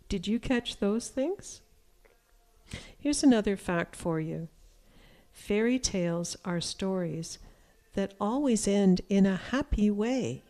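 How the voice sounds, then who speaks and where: A middle-aged woman, a reading teacher, reading a fairy tale aloud to young children in a clear, deliberate way. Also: mid-range voice, mellow. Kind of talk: slow read-aloud storytelling for young children.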